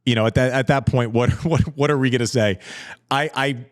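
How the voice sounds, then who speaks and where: A man's voice: mid-range voice, steady tone, a little fast, no echo, studio quality. A man in his forties co-hosting a casual chat show, emphatic and repeating phrases for stress. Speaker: podcast co-host.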